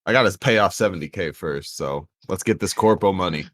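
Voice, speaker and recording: A man's voice: low voice, fairly quick, a bit bright, no room sound, clean studio sound. A man playing a tabletop role-playing game, joking around in casual chat. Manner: laughing, joking. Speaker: player.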